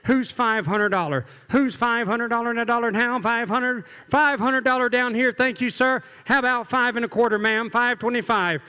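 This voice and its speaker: A man with an American accent working as an auctioneer, calling bids in a fast, repetitive, rhythmic chant with folksy patter, over a PA in a big hall. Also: very high-pitched, bright, forceful tone, clear, resonant tone. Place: large event hall, over a PA. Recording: hall PA with long reverb.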